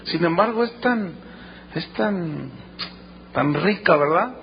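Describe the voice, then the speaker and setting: A man with a Mexican accent preaches in an animated, storytelling manner and acts out the speakers in the story. His voice sits high and he takes his time. The recording is dull and lo-fi, with a faint hum underneath. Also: takes it slowly. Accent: Mexican Spanish. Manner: animated storytelling, dramatic quoted dialogue. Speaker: pastor. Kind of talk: sermon.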